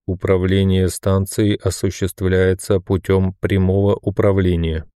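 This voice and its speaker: A man voicing an emotionless station computer that speaks in a mechanical, metallic, lifeless monotone. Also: sits low, unhurried, clean tone, no echo, clean studio sound. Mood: impassive. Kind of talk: audiobook narration.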